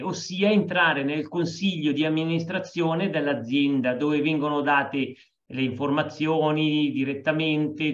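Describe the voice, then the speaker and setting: A man's voice: a little high, fairly bright tone. A man hosting an online meeting, explaining things informally to guests over a video call. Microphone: video call, off the mic. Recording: dull, distant video-call sound.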